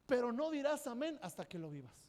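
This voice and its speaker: A pastor preaches with fervent, emphatic delivery, his voice pitched high for a man. It carries a long reverb from the church hall around him. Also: very animated, a little fast. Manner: impassioned, emphatic preaching, at times shouting. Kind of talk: sermon. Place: church sanctuary.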